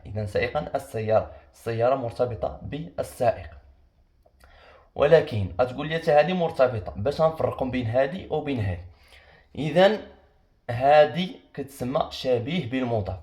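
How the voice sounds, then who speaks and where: Fast-talking Moroccan man teaching grammar. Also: medium pitch, a little mellow. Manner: asks questions then answers them himself, repeats key points. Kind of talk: exam-prep grammar lesson. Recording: echoey room.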